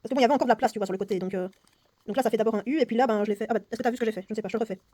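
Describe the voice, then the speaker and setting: Mellow-voiced woman muttering puzzles. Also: on the high side, rapid-fire. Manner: mutters numbers to herself, often dropping to a whisper; self-mocking, thinking aloud. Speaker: board game vlogger. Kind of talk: casual puzzle-solving vlog.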